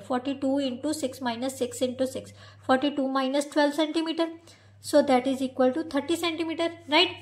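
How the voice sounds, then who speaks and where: A woman with an Indian accent teaching a maths lesson, patiently explaining each step and often calling her students "beta". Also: sits high.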